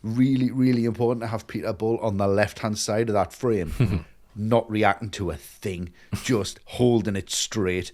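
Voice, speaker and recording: A man's voice: fairly low pitch, steady tone, unhurried, darkish tone. A man co-hosting a film podcast who talks with eager enthusiasm, swears freely and acts out lines he quotes. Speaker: podcast co-host. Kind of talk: casual film discussion.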